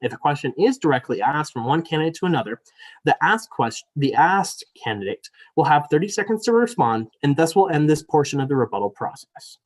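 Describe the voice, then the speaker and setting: A man's voice: fairly high pitch, sing-song, brisk. A young man, a student elections director, moderating a debate over a video call. He is apologetic and chatty with many fillers, then reads the rules formally. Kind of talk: moderating a live virtual debate.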